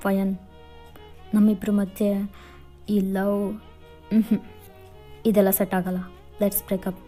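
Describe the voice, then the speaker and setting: Woman reading a curt young boyfriend, cold and clipped, mellow tone, fan fiction reading. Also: mid-range voice, little pitch movement, slow, soft background music. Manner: curt, dismissive. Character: cold young man breaking up with his girlfriend.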